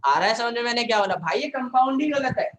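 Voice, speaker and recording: A man teaching a live online science class, scolding and joking with his students in rapid banter and repeating a filler word. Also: extremely high pitch, lively intonation, fairly bright tone, reverberant, a little hiss or hum, rough recording. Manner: repeats filler "yaar" often.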